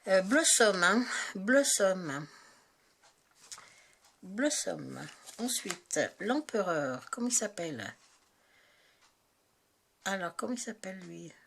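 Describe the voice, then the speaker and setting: A woman's voice: mid-range voice, very animated, slow pace, vocal fry, pauses often, fairly bright tone. Chatty, hesitant woman host, faint hiss. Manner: chatty, hesitant, searching aloud with many restarts. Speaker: tarot video host. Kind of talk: casual spoken deck review.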